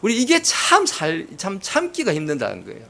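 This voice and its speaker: Male pastor, high voice with wide swings, preaching, acts out quoted voices. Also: wildly swooping pitch, a little fast, vocal fry, fairly bright tone. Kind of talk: sermon.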